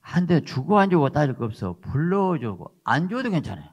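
A man's voice: a little high, big pitch swings, fairly quick. An older man, a pastor, preaching a sermon in an emphatic way and often tagging his points with a questioning "huh?". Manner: emphatic, repeats rhetorical "어?" tags. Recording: dull lo-fi sound.

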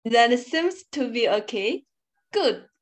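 Female student, high voice, slow and nervous reading. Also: sing-song.

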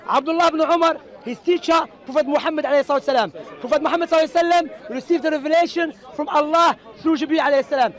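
A man, debating loudly and passionately outdoors on a lapel mic. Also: extremely high pitch, racing, hardly any pauses, some chatter behind. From Algeria. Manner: loud and passionate, insistent. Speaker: street debater. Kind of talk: heated street debate. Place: outdoor park among a crowd. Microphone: clip-on lapel mics.

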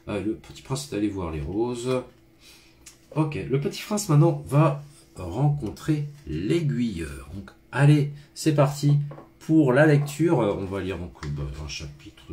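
A man's voice: mid-range voice, darkish tone, a little hiss or hum. Chatty man hosting a French lesson. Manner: chatty, explains vocabulary as he goes. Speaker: French teacher hosting a live stream. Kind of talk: casual live lesson and reading.

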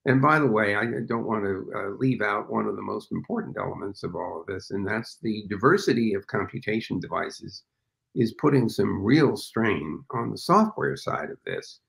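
This older man's voice sits on the low side and sounds gravelly. Interviewed via webcam from his indoor home office with framed pictures on display, he talks things through thoughtfully, leaning often on fillers.

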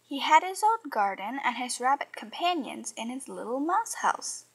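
A woman reading a children's picture book aloud in an expressive, sing-song way. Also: sits high, moderate pace, husky, poor audio.

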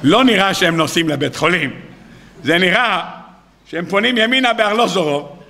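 High bright-voiced rabbi telling stories. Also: male voice, creaky. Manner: lively storyteller acting out dialogue. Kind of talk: sermon with storytelling.

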